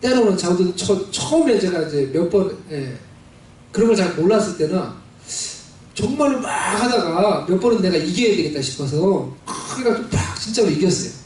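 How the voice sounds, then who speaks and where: A man preaching a sermon in a church, his voice pitched fairly high. He asks the congregation questions and acts out quoted lines as he tells the story. The sound is heavily echoing and picked up from some distance. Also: animated, moderate pace, darkish tone. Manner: preaching with call-and-response questions and dramatized quotes. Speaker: pastor. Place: church sanctuary. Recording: very echoey hall, voice from a distance.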